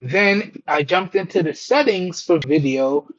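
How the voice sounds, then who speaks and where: Higher-voiced man on a muffled Bluetooth headset mic. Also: unhurried. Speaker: tech reviewer, channel host. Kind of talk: casual product test narration to viewers. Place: indoors at home. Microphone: wireless earbud microphones over Bluetooth.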